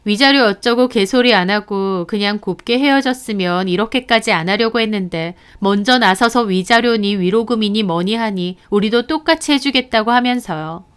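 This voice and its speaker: A woman narrating a dramatized first-person story in a brisk, indignant way. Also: mid-range voice, a bit bright, clean tone.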